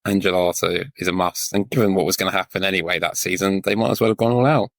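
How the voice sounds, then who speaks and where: A man co-hosting a podcast in relaxed banter. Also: low-pitched, quick pace, no echo, clean studio sound. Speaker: podcast co-host.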